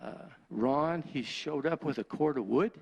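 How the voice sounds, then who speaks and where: A man's voice: fairly high pitch, unhurried, vocal fry, breathy edge, lo-fi sound. An older man, a church deacon, telling his personal testimony in plainspoken, emotional country storytelling.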